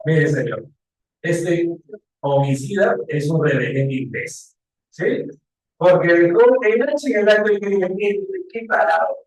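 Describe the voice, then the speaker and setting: A man voicing a shrewd, talkative male police investigator who keeps urging the other to calm down. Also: fairly high pitch, measured pace. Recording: echoey room.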